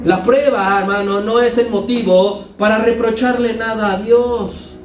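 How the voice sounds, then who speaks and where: A man's voice: sits high, fairly even intonation, a little slow, echoey room, recorded from a distance, a little hiss or hum, low-quality recording. A man preaching a sermon as pastor, building emphasis and acting out quotes.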